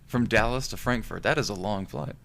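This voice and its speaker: A man's voice: lowish voice, fairly quick, gravelly, fairly bright tone, a little hiss or hum. A young man hosting a podcast, rambling in casual chat in an easygoing way, asking questions. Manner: rambling, easygoing, many restarts. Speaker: podcast host.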